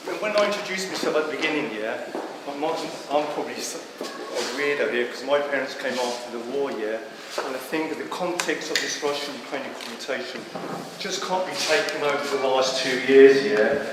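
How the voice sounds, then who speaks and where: A man's voice: mid-range voice, normal speed, very noisy. Emphatic man heard far off in a hall. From Britain. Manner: emphatic, apologetic asides, frequent tag "yeah". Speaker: panel speaker. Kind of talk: public panel discussion. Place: large exhibition hall, indoors. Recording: distant mic in an echoey hall.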